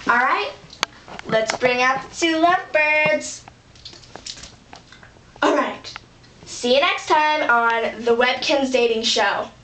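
A woman voicing a bossy dog who hosts a game show with brisk, impatient emcee patter, in a roomy, distant home recording. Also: sits high, sharp tone, a little hiss or hum, full character voice. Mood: hosting.

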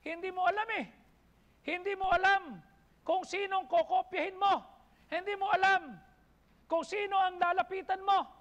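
A man's voice: very high-pitched, steady tone, moderate pace, fairly bright tone, highs cut off. A man with a Filipino accent preaching a sermon as pastor, building emphatic lists. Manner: preaching in mixed Tagalog and English, rising emphatic lists. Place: church hall. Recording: long hall reverb in a church.

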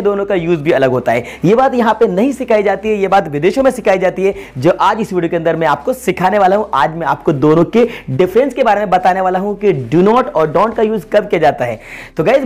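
A man's voice: sits high, darkish tone. A man hosting a YouTube lesson, explaining English grammar in Hindi and repeating each example to stress it.

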